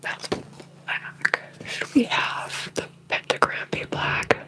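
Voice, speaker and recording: A woman whispering casually and chattily as she hosts an ASMR livestream. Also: takes it slowly. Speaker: livestream host. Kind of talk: whispered ASMR livestream chat while coloring. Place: apartment room.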